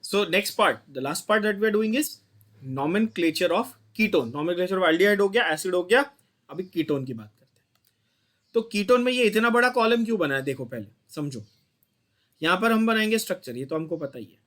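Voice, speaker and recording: High-voiced Indian chemistry teacher quizzing students. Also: male voice, expressive, normal speed, fairly bright tone. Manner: mixes Hindi and English, quizzes students constantly, blunt and scolding. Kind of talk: online class lecture.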